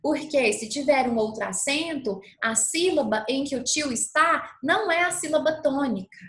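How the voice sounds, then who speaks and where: A woman's voice: high voice, expressive, fairly bright tone. A woman teacher giving a lesson, drawing out example words and checking in with her pupils. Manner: slow, didactic, stretches out example words, frequent "tá bom?" check-ins. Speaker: schoolteacher. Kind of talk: recorded classroom lesson. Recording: echoey room.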